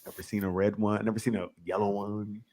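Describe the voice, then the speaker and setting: A man's voice: fairly low pitch, flat delivery, fairly quick, a little mellow. A man hosting a casual radio panel chat, upbeat and joking as he calls on his co-hosts. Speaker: radio show host.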